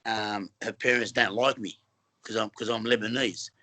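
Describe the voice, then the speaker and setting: A middle-aged Australian man from Western Sydney, a film actor appearing as a guest, talks in a casual interview, earnest and rambling with lots of fillers and restarts. His voice sits fairly low with fairly even intonation, at a moderate pace, and comes across bright and forceful.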